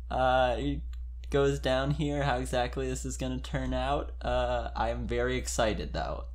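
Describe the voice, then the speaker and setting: A medium-pitched man on a podcast gives an amused, dramatic reading of fan fiction, speaking informally and expressively.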